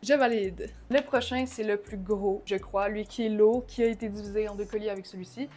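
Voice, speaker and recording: A woman's voice: mid-range voice, brisk. A young woman with a Québécois French accent chatting casually through a shopping haul vlog, slipping in English slang and swears. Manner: bursts of excitement. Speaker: vlogger.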